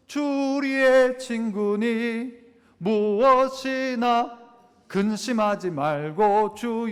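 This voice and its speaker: A pastor preaching a sermon, repeating points and putting rhetorical questions to the congregation. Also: male voice, very high-pitched. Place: church sanctuary. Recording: echoey church sanctuary.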